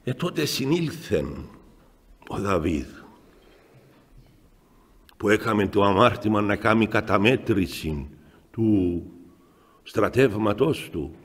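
Cypriot greek bishop guy preaching, middle-aged, storytelling, goes loud then soft, long chapel echo. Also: lowish voice, long pauses. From Cyprus. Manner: storytelling, lively swings between loud exclamations and soft asides. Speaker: metropolitan bishop. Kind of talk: spiritual talk answering the faithful.

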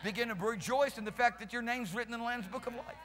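A pastor in his fifties delivers a fervent, emphatic sermon to a live congregation, pacing and gesturing on a church hall stage set with band gear. His very high-pitched voice moves quickly and sounds fairly bright, picked up by a headset mic, with the hall's long reverb trailing behind.

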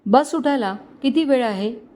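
A woman's voice: sits high, unhurried, mellow. Woman narrating a Marathi story. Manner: reads all characters in one voice with small shifts.

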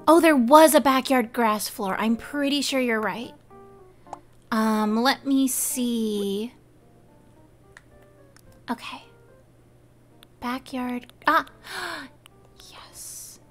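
Young woman streamer, high voice, giggly game chatter with chat, faint music under. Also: slow, long pauses. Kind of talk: casual live game commentary.

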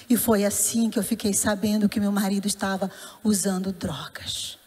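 A woman with a Brazilian Portuguese accent giving an impassioned personal testimony at a church service, telling her story dramatically and sometimes dropping to a hush. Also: mid-range voice. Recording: long church hall reverb.

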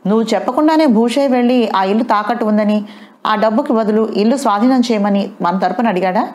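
A woman's voice: on the high side, fast, darkish tone, voice pushed up, close to an everyday voice. A woman voicing an educated young man who accuses his family in a raised voice. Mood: angry.

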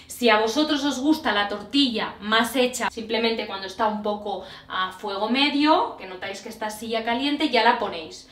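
A woman with a Spanish accent from Spain, chatting excitably to viewers while cooking in her kitchen. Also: on the high side, recorded from a distance. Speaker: cooking vlogger. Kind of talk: casual cooking demonstration. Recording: echoey kitchen with music behind.

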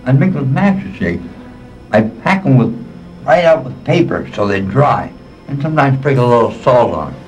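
A man's voice: medium pitch, expressive, moderate pace, darkish tone. A man answering questions in an archival interview, matter-of-fact. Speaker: interviewee describing his crimes. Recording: distant archival audio under music.

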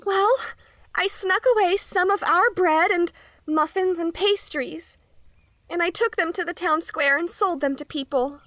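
A woman's voice: very high voice, unhurried, fairly bright tone. A woman voicing a young girl who narrates her own story in an audio drama, emotional and close to tears. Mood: wistful. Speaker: lead character and first-person narrator.

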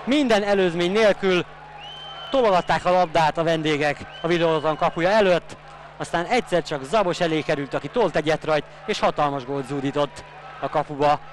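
A man giving excited, exclaiming live football commentary. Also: on the high side, some chatter behind. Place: outdoor stadium, match commentary. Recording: noisy outdoor stadium sound.

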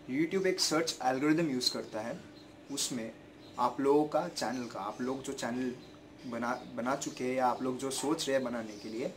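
A young man with a sore throat gives channel-growth tips in a casual vlog, recorded by a camera at desk distance in his bedroom. His medium-pitched voice carries a little hiss or hum, and he's earnest and repetitive, gesturing a lot with his hands.

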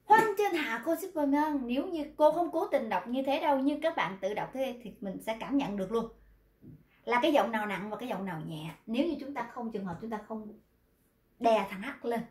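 Lady teacher going over pronunciation, repeats stuff a lot, kinda high voice. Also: lively intonation, a little fast, a little mellow. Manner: patient, repeats examples, explains step by step. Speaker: Korean language teacher. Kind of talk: pronunciation lesson. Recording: roomy echo.

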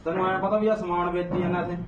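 Man, high voice, scolding, lecturing, street confrontation, echoey, noisy lo-fi phone video. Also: flat delivery, rapid-fire, far from the mic. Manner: scolding, lecturing, repeats demands. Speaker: activist confronting a drug seller.

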